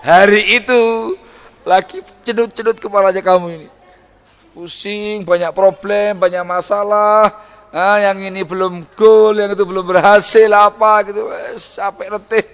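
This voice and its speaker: Animated male preacher. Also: high voice, normal speed, smooth. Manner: lively, acts out household scenes with sudden loud quoted voices. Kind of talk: Islamic sermon.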